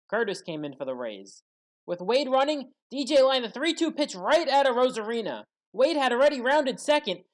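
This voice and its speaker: Reading from a script, a woman delivers play-by-play commentary for a sports highlights recap; her tone stays matter-of-fact and rises at the big moments.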